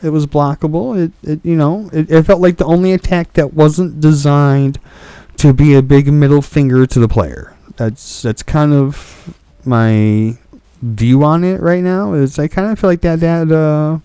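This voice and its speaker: Frustrated man ranting slowly over a dry mic. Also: fairly high pitch, fairly even intonation, mellow, clear, resonant tone, dry recording. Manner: frustrated, repetitive restarts, swears often. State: hiccups. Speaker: gaming channel host. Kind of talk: ranting game commentary.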